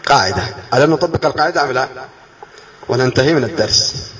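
A man teaching a class, quizzing his students with questions, drawing key words out slowly and putting on a student's puzzled voice. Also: mid-range voice, animated, fairly bright tone, dull audio, a little hiss or hum. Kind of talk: classroom lesson.

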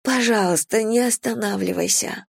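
Woman reading as a breathless young heroine, pleading, higher and breathy, dry close sound. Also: normal speed, dry recording. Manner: raised pitch, breathy and pleading.

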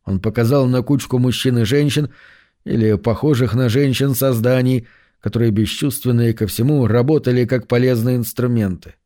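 Male narrator, audiobook reading, mellow voice, measured steady pace. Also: mid-range voice.

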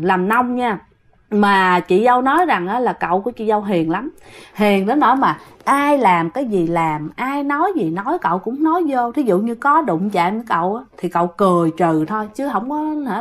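A woman with a Southern Vietnamese accent telling a ghost story in a chatty, repetitive way, addressing her listeners. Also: mid-range voice.

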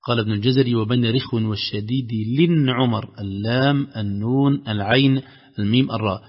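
A man coaches callers on their recitation, patiently chanting each line to demonstrate. His voice sits at an ordinary pitch. The sound is dull and lo-fi, trailing a long reverb. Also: brisk. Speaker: Quran recitation teacher. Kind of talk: correcting callers' recitation on air.

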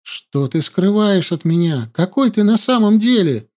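A man voicing a young princess who accuses and weeps, her voice raised high and pleading. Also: lively intonation, unhurried, a little mellow. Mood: accusing. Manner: accusing, tearful, high-pitched. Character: young grieving furious princess woman.

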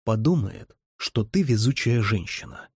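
A man playing a guarded young ruler, dark-voiced. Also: lowish voice, expressive, measured pace, husky, no echo, clean studio sound, heavily acted. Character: young male ruler, guarded and dry-humored. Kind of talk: audiobook character reading.

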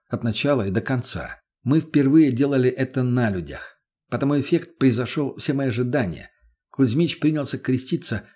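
A man's voice: mid-range voice, a little mellow. A man narrating an audiobook in the first person, in a blunt, crude, matter-of-fact manner. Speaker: audiobook reader.

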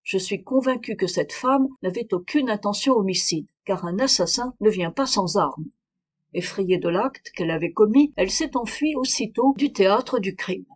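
A cool, sharp detective walks through his deduction step by step, as a woman reader voices him. The delivery stays measured and explanatory, close to the reader's own voice. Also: medium pitch, breathy edge, lightly acted. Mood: explaining.

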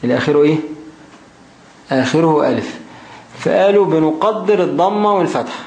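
A man with an Egyptian Arabic accent explaining a grammar text. He reads it out slowly, then keeps asking rhetorical questions as he goes. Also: on the high side, animated, darkish tone. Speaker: grammar teacher. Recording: roomy echo, faint background noise.

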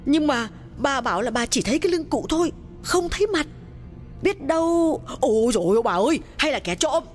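A woman's voice: sits high, expressive, brisk, soft background music. A woman voicing an anxious, curious young village woman in an audiobook, pressing with questions. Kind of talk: audiobook dialogue reading.

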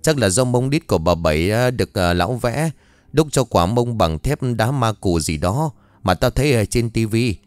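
A man's voice: lowish voice, lively intonation, moderate pace, clear, resonant tone, dry recording, close to an everyday voice. A man voicing a quarrelsome, whining old village man in an audio story. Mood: whiny. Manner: whining, defensive.

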